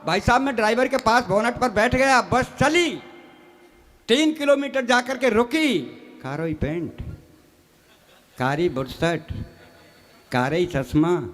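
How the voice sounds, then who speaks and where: A man's voice: high voice, slow, long pauses, fairly bright tone. An older man, a comic poet, telling self-mocking stories on stage in a folksy, rambling way. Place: stage at a poetry gathering. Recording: echoey hall sound system.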